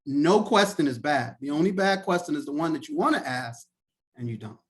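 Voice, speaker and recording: A man's voice: fairly high pitch, expressive, brisk. A man from Trinidad and Tobago, a professor and lawyer, answering questions in a live online class in an encouraging, conversational way. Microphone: video call.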